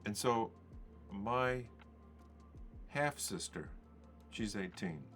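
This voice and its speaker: A man's voice: lowish voice, animated, drawn-out words, a bit bright, soft background music. A man telling stories on a podcast in a rambling, conversational way, acting out the dialogue he quotes. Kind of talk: casual podcast storytelling.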